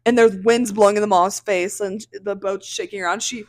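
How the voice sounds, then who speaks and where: A woman's voice: medium pitch, a little fast, no room sound. A woman in her twenties co-hosting a podcast, telling a story in casual chat with lots of swearing and laughter. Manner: animated storytelling, swears a lot, laughs often. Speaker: podcast co-host.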